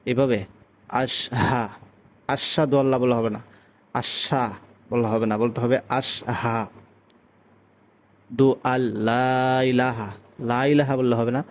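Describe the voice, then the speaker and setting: A man from Bangladesh teaching how to pronounce the call to prayer, explaining patiently and stopping often to chant long, drawn-out example phrases. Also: mid-range voice, flat delivery. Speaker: azan teacher. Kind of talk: recitation lesson with chanted demonstrations.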